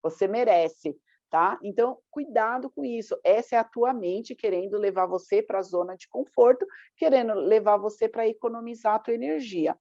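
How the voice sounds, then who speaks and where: Brief: woman life coach, warm mellow tone, dry lo-fi recording, lively chat. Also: fairly high pitch, moderate pace, no room sound. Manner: chatty, acts out her inner voice. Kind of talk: casual motivational talk. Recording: dull dry lo-fi sound.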